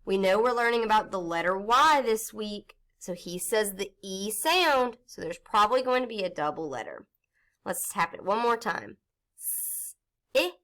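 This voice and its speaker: A woman's voice: mid-range voice, expressive, normal speed, fairly bright tone. A woman teaching a recorded phonics lesson to young children, patiently sounding out letters step by step and reading a storybook aloud in an encouraging way.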